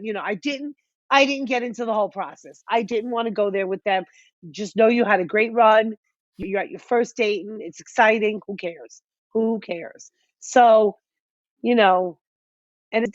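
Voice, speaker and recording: A woman's voice: medium pitch, dry recording. Dry, dull-sounding woman telling a story. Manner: storytelling, animated retelling. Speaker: color guard instructor, podcast co-host. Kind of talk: casual podcast chat.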